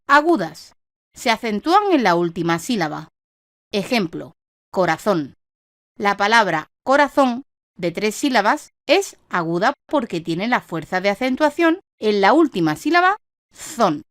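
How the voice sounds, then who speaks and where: A woman reading a scripted instructional lesson in a measured, didactic way, stressing each example word. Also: mid-range voice, very animated, fairly bright tone, dry recording, clean studio sound. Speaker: online course narrator.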